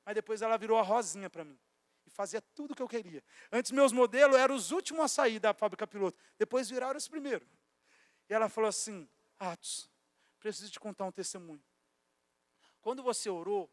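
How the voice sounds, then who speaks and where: A young man preaches with passion, telling his story in hushed tones and then rising to shouted calls. His voice is unusually high for a man. The sound carries a long reverb from a church hall. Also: fast talker. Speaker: youth pastor. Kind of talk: sermon with personal testimony.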